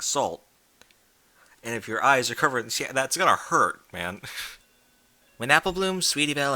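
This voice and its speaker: A man with a lowish, sharp-toned voice reads fan fiction aloud and comments on it. His style is informal and blunt, with incredulous asides in casual speech.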